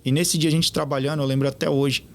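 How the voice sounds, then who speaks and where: A man, a podcast guest telling stories in an animated way and acting out what others said. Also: on the high side, fast talker. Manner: animated, quotes others in lively retellings. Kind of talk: casual storytelling interview.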